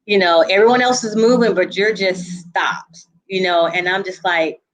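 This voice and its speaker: A woman in a group conversation, telling a painful personal story earnestly, with halting restarts and frequent asides of "you know". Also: fairly low pitch, fairly even intonation. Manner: earnest, reliving a painful memory. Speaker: panel guest.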